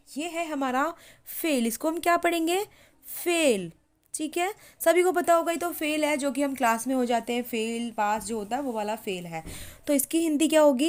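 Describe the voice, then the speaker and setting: A woman teaching English in a chatty lesson, spelling words slowly letter by letter and repeating herself often. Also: sits high. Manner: repeats words and keeps saying "theek hai". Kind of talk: chatty classroom-style lesson.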